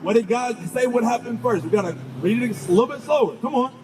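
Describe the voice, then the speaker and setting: Brief: fairly high-voiced male street preacher, emphatic and questioning, outdoors with loud traffic noise behind. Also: animated, quick pace. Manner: questioning, emphatic, calls out 'come on'.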